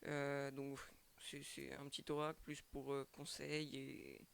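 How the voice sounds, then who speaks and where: A man's voice: mid-range voice, monotone, unhurried, gravelly, clear, resonant tone. A man doing a casual tarot reading to a webcam with a microphone, stumbling and repeating words often. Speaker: tarot reader and channel host.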